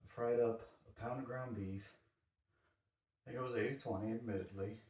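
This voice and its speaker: A man's voice: mid-range voice, fairly even intonation, normal speed, darkish tone. A man talking casually and conversationally in a rambling workout vlog. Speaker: workout vlogger. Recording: roomy echo, distant mic.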